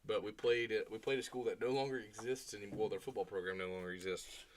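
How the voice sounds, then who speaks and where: A man's voice: on the low side, steady tone, fast. A young man hosting a casual livestream, chatting in a rambling, easygoing way and laughing often. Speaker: livestream host building LEGO.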